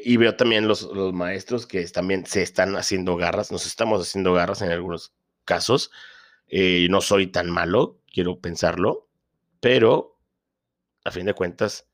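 A deep-voiced man speaks Spanish with a Mexican accent in a relaxed podcast monologue. He is a teacher and father, and he vents about his subject in a slangy, joking way, poking fun at himself along the way. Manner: slangy, joking, self-deprecating rants with asides.

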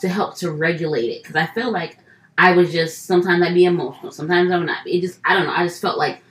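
A woman in casual chat as a podcast co-host, rambling and animated, often correcting herself. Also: lowish voice, fast talker, reverberant, low-quality recording.

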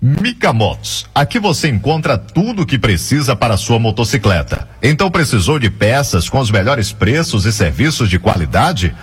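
A man's voice: medium pitch, big pitch swings, moderate pace, hardly any pauses, soft background music. A Brazilian man reading radio ads in a conversational, persuasive sales style. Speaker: radio advert announcer.

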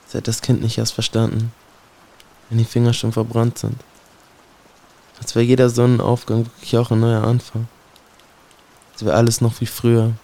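A man's voice: medium pitch, monotone, normal speed, pauses often, warm tone. A man performing a spoken-word poem in a solemn, brooding way, speaking directly to someone he addresses. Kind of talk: spoken-word poetry recitation.

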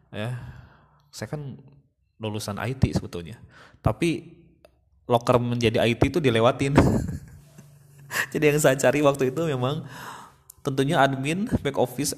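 A young man, hosting a casual podcast monologue in a chatty manner. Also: mid-range voice. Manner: chatty, imitates babies and others mid-talk.

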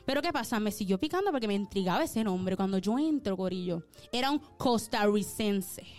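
A woman telling a story on a podcast in a casual, animated way, often laughing and calling out to her audience. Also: mid-range voice, brisk, soft background music. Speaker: podcast co-host.

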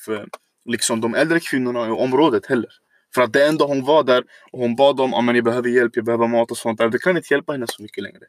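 A man casually telling a long personal story on a podcast, rambling and reflective, with many fillers. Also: mid-range voice.

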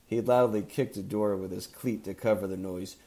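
A man with a lowish voice reads a ridiculous story in a mock-serious storyteller's tone. He keeps slipping into giggles mid-sentence. It is a casual podcast read. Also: normal speed. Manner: laughing through a deadpan read. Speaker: podcast host. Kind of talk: comedic reading of a story.

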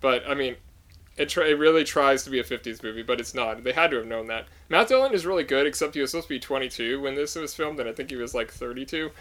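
A man's voice: mid-range voice, fast talker, fairly bright tone. A man co-hosting a podcast, giving a casual, rambling film review full of fillers. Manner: rambling, many fillers and likes. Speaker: podcast co-host. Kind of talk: casual movie review chat.

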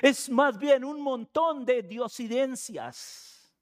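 High-voiced male preacher telling a story. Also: slow pace. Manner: conversational, animated storytelling with laughs and quoted voices. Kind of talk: sermon storytelling.

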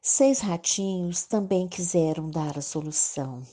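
A woman's voice: lowish voice, a little slow, dark tone. A Brazilian woman narrating a children's story expressively, in the manner of a kids show host.

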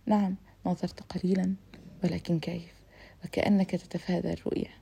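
A woman's voice: on the low side, little pitch movement, brisk, gravelly, warm tone, husky, heavily acted. A woman reading as a teasing young woman. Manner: playful, self-assured, laughing. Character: teasing confident young woman of twenty-six. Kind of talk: audiobook reading.

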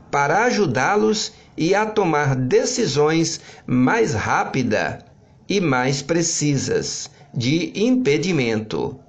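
A man with a Brazilian accent reading scripted sports news as a radio presenter, in a deliberate announcer's delivery with slightly dull sound. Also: fairly high pitch.

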